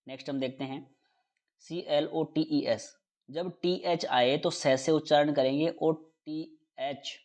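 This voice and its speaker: A man teaching an English pronunciation lesson in Hindi, spelling words out slowly letter by letter, then explaining the rules at a brisk pace. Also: mid-range voice, darkish tone.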